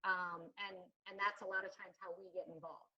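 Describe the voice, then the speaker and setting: A woman heard over a video call, presenting in a webinar for a child welfare agency, halting with frequent ums and restarts. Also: mid-range voice, little pitch movement, bright, forceful tone, breathy edge. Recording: muffled lo-fi video call audio.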